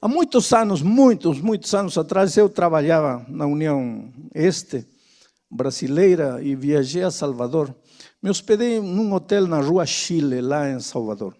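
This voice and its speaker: An older male preacher giving a sermon, moving from loud, impassioned exhortation to quiet, hushed storytelling. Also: on the high side, expressive, a little slow.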